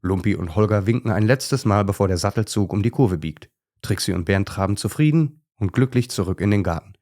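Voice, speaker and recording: A man narrating a children's audio story in a steady, clear reading voice. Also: lowish voice, fairly quick.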